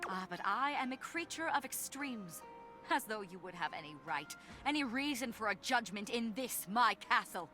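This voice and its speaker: A woman's voice: a little high, expressive, moderate pace, close to an everyday voice. Imperious warrior goddess played by a woman, music behind. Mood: grandiose, amused. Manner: archaic, declamatory, imperious. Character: haughty theatrical warrior woman soap goddess, fierce and grandiose. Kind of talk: video game voice acting.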